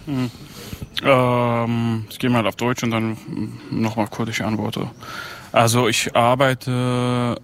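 A man answers on a panel as an artist. He starts hesitantly and speaks in a mid-pitched voice. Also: flat delivery, slow pace, a bit bright.

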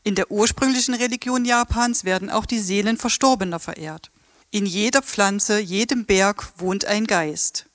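A woman's voice: mid-range voice, normal speed, no room sound, close to an everyday voice. Lady doing a very polite japanese tour guide, formal, dry studio sound.

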